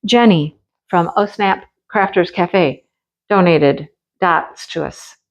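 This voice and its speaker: A woman whose voice is giving out hosts a craft channel from Michigan, showing things off in relaxed show-and-tell chat and gushing often over favorites. She speaks slowly in a lowish voice. The audio is dull.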